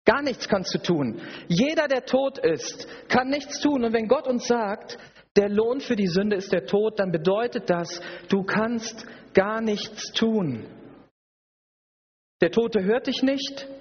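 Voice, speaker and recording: A man's voice: sits high, animated, takes it slowly, husky. A man preaching a sermon at a church service, emphatic and repetitive, with rhetorical questions. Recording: dull recording in a reverberant hall.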